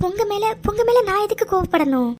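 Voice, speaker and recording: Woman voicing a soft-spoken young wife. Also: extremely high pitch, expressive, a little fast, a little hiss or hum. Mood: reassuring. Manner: soft, polite, reassuring. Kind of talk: cartoon dubbing.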